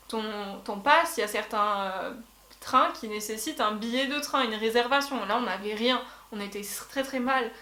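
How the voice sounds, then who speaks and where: Telling a travel story in casual chat, a young woman vlogger has a voice on the high side with a fairly bright tone. Her first language is French; she's chatty, uses lots of fillers and restarts, and is recorded in an echoey room.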